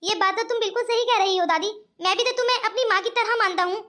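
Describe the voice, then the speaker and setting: A woman's voice: extremely high pitch, fast, sharp tone. A woman voicing a young male grandson, a businessman, in a cartoon, speaking in an affectionate, questioning way. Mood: coaxing. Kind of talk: cartoon voice acting.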